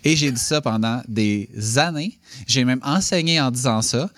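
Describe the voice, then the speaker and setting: A man's voice: medium pitch, moderate pace, fairly bright tone, dry recording. A man in his thirties with a Quebec French accent, chatting casually and rambling with many fillers and restarts. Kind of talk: casual conversation.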